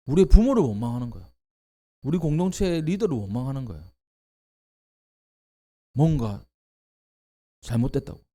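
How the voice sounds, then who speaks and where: A male pastor preaching a sermon with a very lively, animated pitch. His tone is dark and mellow, and he stresses points with sudden rising exclamations. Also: moderate pace, pauses often.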